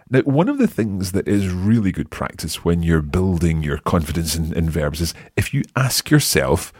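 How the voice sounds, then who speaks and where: A man hosts an Italian lesson for learners, explaining grammar patiently. His voice is very deep but moves a lot in pitch, with a husky edge. The sound is close and dry. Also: a little mellow, no room sound. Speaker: language teacher, host. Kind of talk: language lesson podcast.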